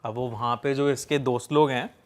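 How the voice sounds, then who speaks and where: A man casually telling a ghost story, pausing with fillers as he builds suspense. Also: medium pitch, fairly even intonation. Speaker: storyteller guest.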